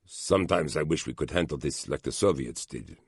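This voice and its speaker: A man voicing a German intelligence officer who speaks low and confidentially in a thriller audiobook. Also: fairly quick, husky, dry recording, studio quality, exaggerated voice. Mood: confiding.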